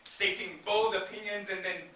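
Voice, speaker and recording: A young man narrating a live stage comedy in a mock-dramatic way, at times shouting protests at the characters. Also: sits high, steady tone, normal speed. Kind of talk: comic improv narration. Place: theater stage with a live audience. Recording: echoey stage from far off, noisy, laughing audience.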